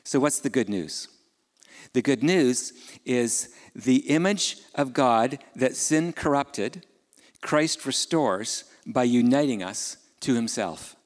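A male pastor gives a sermon in an easy, conversational manner, putting questions to his listeners and stepping aside for informal remarks. His voice sits at an ordinary middle pitch. The sound carries a long reverb, as in a large church hall. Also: expressive, slow. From Ukraine.

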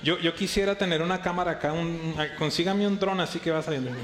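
Lively preacher, slightly high voice, echoey hall. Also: male voice, fast talker, a faint crowd. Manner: lively preacher who acts out his listeners' voices and jokes with them. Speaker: pastor. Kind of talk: live sermon to a congregation. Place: church hall before a congregation. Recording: echoey hall with faint background noise.

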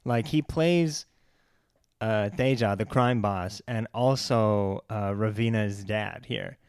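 A young man co-hosting a casual film chat, relaxed and talkative with many fillers and easy laughter. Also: on the low side, slow pace, clean tone, no room sound, clean studio sound. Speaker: podcast co-host.

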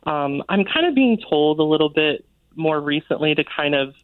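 In a casual interview, an American guest author from Connecticut keeps saying "like" as he talks. His pitch is a bit high, his intonation lively and his pace normal, captured in a dry recording through a thin, phone-like line.

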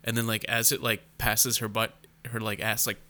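A man's voice: lowish voice, level tone, moderate pace, pushed and bright. A young man co-hosting a casual podcast, telling stories in a chatty way full of "like". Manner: chatty storyteller, heavy use of "like". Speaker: podcast co-host. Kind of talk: casual chat.

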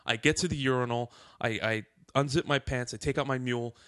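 A man on a casual podcast, telling a story with lots of profanity, restarts and fast asides. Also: mid-range voice, fairly bright tone, no echo, clean studio sound. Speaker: podcast co-host. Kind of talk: casual chat.

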